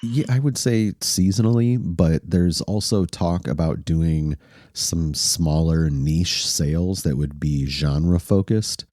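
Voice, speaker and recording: A man's voice: low-pitched, slow, dark tone, no echo, clean studio sound. A man with a congested, stuffy-nosed voice who sounds sick, hosting a casual chat in a hesitant, loosely conversational way. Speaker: podcast host. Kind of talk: casual online group chat.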